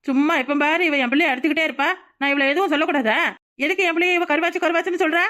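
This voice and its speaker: A woman voicing a quarrelsome young aunt in a family cartoon, arguing back in a shrill, scolding way. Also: fairly even intonation, very fast, a bit bright, faint music behind. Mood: defiant.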